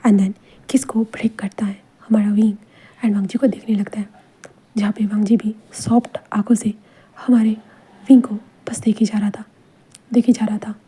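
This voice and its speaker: A woman's voice: medium pitch, level tone, moderate pace, mellow, breathy edge. Whispering woman telling a love story. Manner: casual whispered narration mixing Hindi and English. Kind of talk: whispered role-play.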